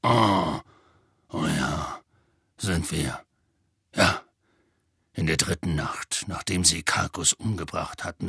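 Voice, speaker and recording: A man voicing a huge, gruff half-giant gamekeeper in an audiobook, telling his story in a rough, folksy way. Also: a bit bright, no echo, studio quality, heavily acted. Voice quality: deep and gravelly. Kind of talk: audiobook character voice.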